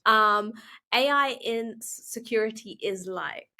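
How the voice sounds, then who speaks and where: A bright-voiced woman hosts a casual chat and quizzes her guest with playful energy. She pitches a little high and laughs often, slipping into quick bursts of talk. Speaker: host. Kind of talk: casual interview with quiz games.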